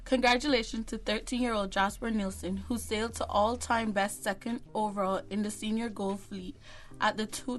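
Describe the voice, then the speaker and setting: A woman's voice: mid-range voice, rough recording. A woman with a Caymanian accent reading youth achievement announcements from a script, with a few small slips.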